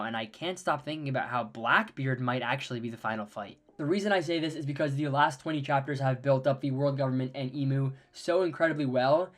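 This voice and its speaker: A man with a raspy voice from being sick, giving casual, enthusiastic commentary as he speculates about a manga's story. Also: medium pitch, a bit bright. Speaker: anime analysis youtuber.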